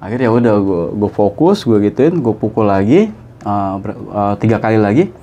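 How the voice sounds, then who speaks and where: A man, a guest telling a story in casual chat; he is animated and often laughs. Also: normal speed, breathy edge. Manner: animated, jumps high in pitch for quoted voices, laughs often.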